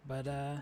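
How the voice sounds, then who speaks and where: A man streaming, chatting casually with a friend, rambling with lots of filler words and frequent laughter. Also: mellow. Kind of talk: casual chat. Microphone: streaming setup.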